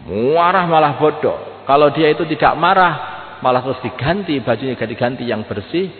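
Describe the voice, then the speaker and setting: A man giving an evening sermon, animatedly acting out quoted dialogues, recorded in a prayer hall. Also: mid-range voice. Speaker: preacher. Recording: echoey hall over a thin phone-like line.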